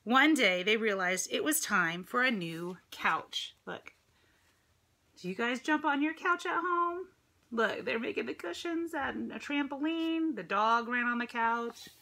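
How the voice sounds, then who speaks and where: Reading a picture book aloud to kids at home, this middle-aged American teacher sounds slightly high and a bit slow, with vocal fry and a sharp edge. She performs the story expressively, tossing in chatty comments and questions. A phone or tablet at arm's length captures her in a room containing a dresser and a ceiling fan.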